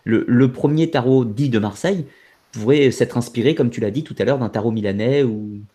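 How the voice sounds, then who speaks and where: A man hosts a relaxed conversation with a warm, dark voice. He mostly interjects with short prompts and clarifying questions. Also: mid-range voice, brisk, slightly rough. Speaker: host. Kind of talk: casual interview chat.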